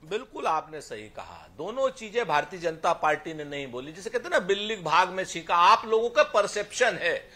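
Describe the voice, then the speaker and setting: A man's voice: high voice, big pitch swings, normal speed, hardly any pauses, sharp tone. A man arguing as a party spokesperson in a televised political debate, rhetorical and emphatic, quoting verses and repeating phrases for effect. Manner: rhetorical, recites couplets, emphatic and insistent.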